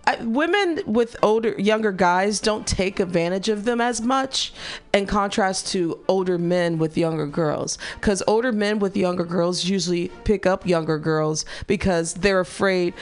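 A woman co-hosting a casual chat, blunt and profane, trading quick quips. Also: medium pitch, faint music behind. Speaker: podcast co-host.

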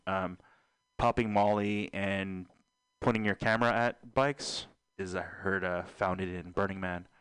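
A young man hosting a casual podcast, talking in a deadpan, absurd joking way with trailing fillers. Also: fairly low pitch, smooth, dry recording. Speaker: podcast host.

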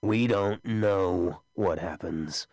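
A man voicing a menacing inhuman creature in a yellow coat, with a buzzing voice and slow, cold, measured speech. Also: low voice, no room sound, heavily acted. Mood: cold menace.

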